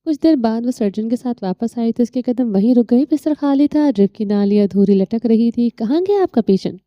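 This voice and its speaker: A woman narrating an audio novel in a steady storytelling manner. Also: fairly high pitch, dry recording, highs cut off.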